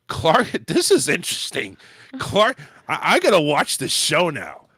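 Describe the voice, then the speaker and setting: A man's voice: on the high side, huge pitch swings, unhurried, pushed and bright, slightly rough, no echo, clean studio sound. A man hosting a casual comedy podcast, crude and profane, rambling through celebrity gossip. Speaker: podcast host. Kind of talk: casual comedic chat, recapping celebrity news. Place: home studio in Florida.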